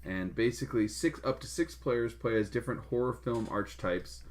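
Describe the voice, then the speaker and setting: A man in an easygoing podcast chat, his voice sitting at an ordinary middle pitch. He rambles along with plenty of fillers and restarts, and laughs often. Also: brisk. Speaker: podcast co-host. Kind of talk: casual chat.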